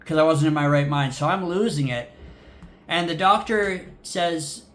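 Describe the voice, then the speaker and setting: A young man tells a story straight to camera in a loose, rambling way, full of ums and swearing. His voice sits a little high for a man. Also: measured pace, fairly bright tone. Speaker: vlogger.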